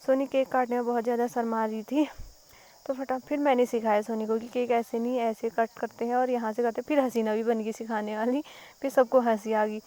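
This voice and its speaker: A young woman from the Kumaon hills narrates her daily vlog in a chatty, giggly way. Her voice sits a little high but sounds mellow and warm. She tells the day's events as a casual voice-over. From Kumaon, Uttarakhand. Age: young adult. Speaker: vlogger.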